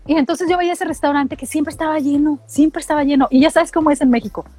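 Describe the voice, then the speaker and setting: A middle-aged woman from Mexico with a Mexican accent, telling animated, slangy stories in casual chat and acting out what people said. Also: high voice, fast, faint music behind. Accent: Mexican Spanish. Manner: animated storytelling, slangy, acts out quotes.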